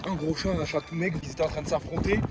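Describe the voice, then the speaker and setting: A man's voice: fairly high pitch, fairly even intonation, very noisy. A young man bantering playfully outdoors, teasing his friend and joking with the camera. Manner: playful, teasing, fast talker. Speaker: hiking companion. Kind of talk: casual banter. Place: outdoors in the mountains. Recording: background music over speech.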